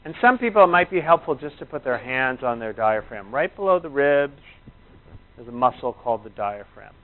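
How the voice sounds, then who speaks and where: A man's voice: medium pitch, sing-song, moderate pace. A man teaching breathing exercises informally to a class, reassuring and conversational. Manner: reassuring, conversational, checks in with "you know" and "right". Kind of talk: informal spoken instruction to a class. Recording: tinny, narrow phone-like sound.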